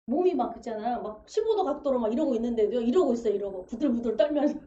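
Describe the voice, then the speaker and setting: A woman's voice: fairly high pitch, expressive, rapid-fire, mellow. A woman preaching a testimony sermon in a church, telling her story vividly and acting out the voices she quotes. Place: church sanctuary. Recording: echoey church livestream, dull sound.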